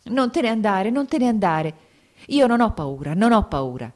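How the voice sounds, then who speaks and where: A woman reading an audiobook, voicing a frightened young woman in labor who pleads in quick, repeated phrases. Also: animated. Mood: pleading. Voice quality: high, strained and urgent.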